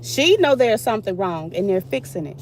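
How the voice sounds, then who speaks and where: A woman's voice: medium pitch, sing-song, fairly quick, slight background noise. A young woman venting bluntly in a casual vlog, swearing freely as she complains. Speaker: vlogger.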